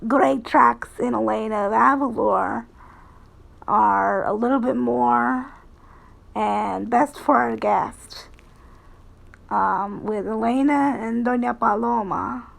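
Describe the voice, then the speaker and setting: A woman giving casual, rambling commentary as a streamer, in a halting, hesitant way with phrases that trail off. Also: a little high, vocal fry. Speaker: VTuber streamer.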